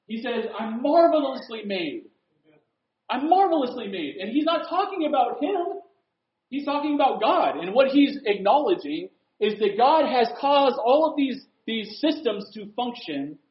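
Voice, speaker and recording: A man with a high, light voice preaching a sermon to a room. He keeps it conversational, tossing out rhetorical questions and dropping from firm emphasis to quiet asides. The sound is roomy and somewhat dull, like a lo-fi recording. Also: sing-song, moderate pace. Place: room with a board.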